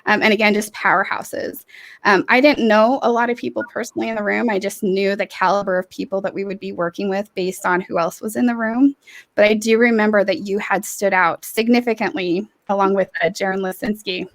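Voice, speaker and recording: A woman's voice: medium pitch, steady tone, brisk. Woman hosting a chat podcast on a video call, rambly and gushing, lots of um and like. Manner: warm-hearted, rambling, lots of restarts and fillers. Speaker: podcast host. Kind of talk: casual interview chat. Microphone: earbud headset on a video call.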